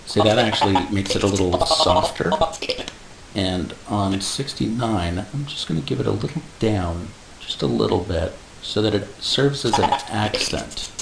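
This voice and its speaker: A man explaining animation software step by step in a casual tutorial, adding little sound effects like "boom". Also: expressive, normal speed, vocal fry. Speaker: animation instructor. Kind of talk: screen-recorded software tutorial. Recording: echoey room with faint hiss.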